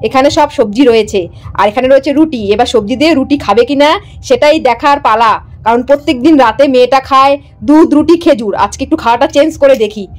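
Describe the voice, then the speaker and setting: A woman's voice: sits high, fast. A young woman, a mother, chatting to viewers as she explains each step of making her toddler's dinner in her home kitchen. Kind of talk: casual home cooking vlog narration.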